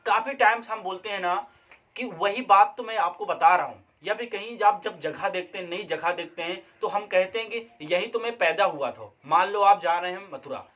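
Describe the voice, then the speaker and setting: A man with a high voice teaches a video lesson. He keeps checking in with his viewers and repeats short example sentences again and again. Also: moderate pace, pushed and bright, dull audio. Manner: chatty, repeats "guys" and "ठीक है?" as check-ins; drills example sentences aloud. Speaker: English teacher. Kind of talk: Hindi-English video lecture.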